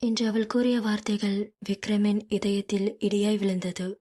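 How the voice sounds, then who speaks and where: A young woman narrating a romance audiobook in a calm storytelling manner. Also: medium pitch, moderate pace. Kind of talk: scripted narration.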